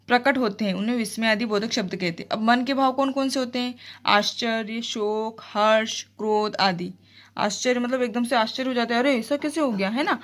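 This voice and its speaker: A woman teaching a Hindi grammar lesson, explaining step by step, checking in with her students, and reading out example sentences slowly and expressively. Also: fairly high pitch.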